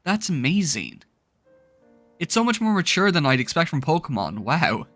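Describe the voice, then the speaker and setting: A young man narrates and reacts to his video game, his voice bright and crisp. The sound is dry and close, with game music running faintly behind him. He talks with eager, emotional energy. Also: a little high, big pitch swings, moderate pace, no room sound. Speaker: gaming YouTuber. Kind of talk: gameplay commentary and recap narration.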